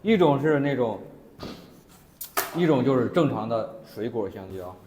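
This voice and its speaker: A man's voice: medium pitch, animated, unhurried, dark tone, slight background noise. A man teaching Chinese vocabulary in class, repeating words for the students. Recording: echoey classroom with long reverb.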